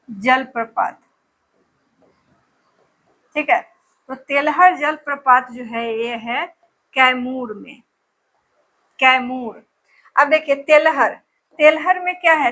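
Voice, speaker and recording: A woman's voice: high voice, sharp tone. A woman teacher giving an exam-prep lesson, drilling place names with memory tricks and repeating each answer over and over.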